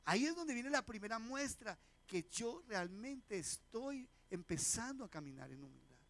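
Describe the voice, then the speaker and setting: A man's voice: extremely high pitch, sing-song, moderate pace, fairly bright tone. A man, a pastor preaching a sermon in church, who questions the congregation and acts out the voices of people in his stories. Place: church sanctuary.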